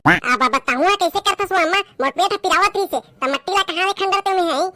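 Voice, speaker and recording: A lazy, excuse-making young village man from a comic skit, acted by a woman, talking in a Chhattisgarhi accent. The voice sits very high and bright, sharp at the edges. He grumbles and whines his way through every line. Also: dry recording. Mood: whiny. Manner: whiny, grumbling, quick to complain.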